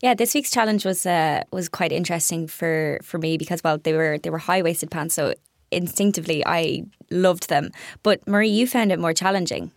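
A woman's voice: fairly low pitch, normal speed, vocal fry, no room sound, studio quality. A woman, co-hosting a fashion podcast in casual chat. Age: 20s. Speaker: podcast co-host.

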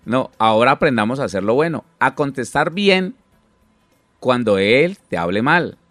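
A man's voice: mid-range voice, expressive, normal speed, a bit bright, dry recording, soft background music. Earnest pastor man, dry sound. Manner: earnest, explanatory, with frequent restarts. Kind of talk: conversational Bible teaching.

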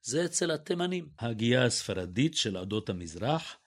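Male expert guest, average pitch, methodical and a little hesitant, demonstrates pronunciations aloud. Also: big pitch swings. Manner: hesitant, self-correcting. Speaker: guest linguist. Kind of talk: explanatory interview talk.

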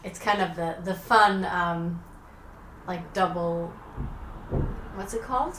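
A woman's voice: on the low side, takes it slowly, fairly bright tone, roomy sound, a little hiss or hum. A woman co-hosting a podcast in casual chat, talking with lots of fillers and acting out quotes. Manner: chatty, lots of fillers, laughs and acts out quotes. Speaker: podcast co-host.

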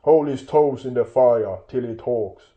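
A man's voice: mid-range voice, unhurried, mellow, highs cut off, natural voice. A man voicing a brutish, quarrelsome troll in a storybook, grumbling and menacing in coarse rustic speech. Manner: coarse rustic dialect, belligerent.

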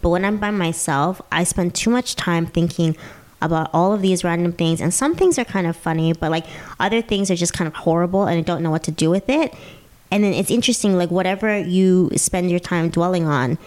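A woman's voice: on the low side, fairly quick, a little mellow. A woman with a Valley Girl accent talking as a podcast guest, in casual confessional chat full of "like" and "you know". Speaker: podcast guest, stand-up comedian.

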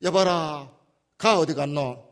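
A man voicing a middle-aged male army general who speaks in Gyeongsang dialect and exclaims loudly inside a sermon. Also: a little high, slow pace. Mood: commanding. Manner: loud, exclaiming, commanding. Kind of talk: dramatized quotes in a sermon.

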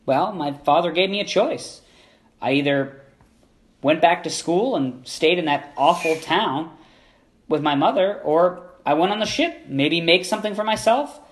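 A restless young woman working a ship for her father, polite and soft-spoken, in a high, light voice as a man puts her on. Her talk is gentle and a little wistful, like a tabletop role-play character. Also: animated, a little slow.

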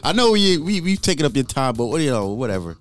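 A man's voice: a little high, very animated, fast talker. A man with a New Jersey accent hosting a casual podcast interview, loose and profane, full of fillers and repeats. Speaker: podcast host.

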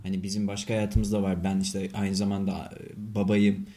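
A man's voice: fairly low pitch, monotone, normal speed, warm tone. A man co-hosting a podcast, reflecting in a casual chat full of asides. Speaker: podcast co-host.

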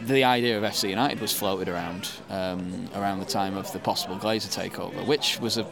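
A man's voice: low voice, fairly even intonation, fairly quick, gravelly. A man in his thirties with a Manchester accent, chatting casually in an interview with lots of ums and restarts. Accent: Mancunian. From England. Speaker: football fan interviewee. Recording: crowd noise behind.

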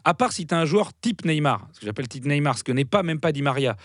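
A man on a football panel, joking and quick-witted in casual debate. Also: fairly high pitch, very animated, no room sound, studio quality.

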